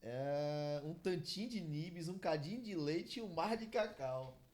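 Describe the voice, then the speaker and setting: A man's voice: fairly high pitch, a little mellow. A man from Salvador, hosting an interview with enthusiastic, playful remarks. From Salvador, Bahia, Brazil. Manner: enthusiastic, quick affirmations, playful. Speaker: interview host. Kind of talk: casual interview chat.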